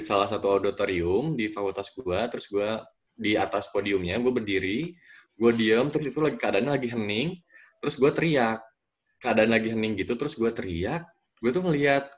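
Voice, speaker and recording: A young man, hosting a casual chat and telling stories in a lively way. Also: on the low side, fairly quick. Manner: lively storyteller. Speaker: podcast host.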